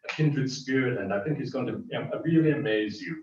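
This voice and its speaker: A man acting as guest host, introducing a poet on stage in a halting way, with many restarts. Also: medium pitch, very echoey, distant mic, lo-fi sound. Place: live poetry event venue.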